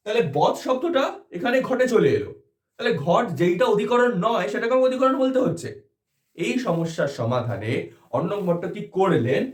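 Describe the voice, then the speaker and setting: A man tutoring philosophy students in an exam-prep lecture, explaining step by step with a Bengali accent and checking understanding with quick questions. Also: sits high, reverberant.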